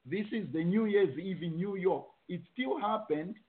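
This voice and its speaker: A man's voice: sits high, moderate pace. A man from Zambia hosting a panel discussion, thinking aloud and restarting his sentences often. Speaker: host. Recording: narrow phone-like line.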